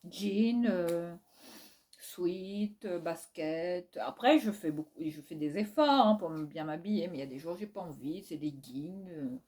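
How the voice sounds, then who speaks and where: A woman's voice: on the low side, expressive, unhurried, warm tone. A woman with a Réunionese accent, casually answering viewer questions in a vlog, frank and teasing, laughing often as she talks. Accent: Réunionese French.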